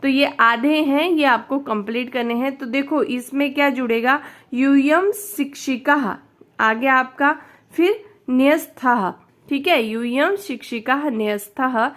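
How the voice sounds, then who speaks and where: A woman's voice: high voice, slow, a bit bright. A woman teacher, patiently explaining a textbook lesson to students and repeating each answer.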